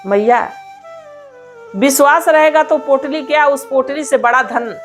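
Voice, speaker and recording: A woman's voice: high voice, unhurried, faint music behind, voice pushed up. Meek pleading young daughter-in-law, voiced by a woman. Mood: tender.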